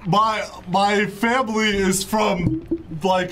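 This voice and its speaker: Young male streamer, high-pitched, rambling, faint background hiss. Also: steady tone, slow, pushed and bright. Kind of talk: casual chat.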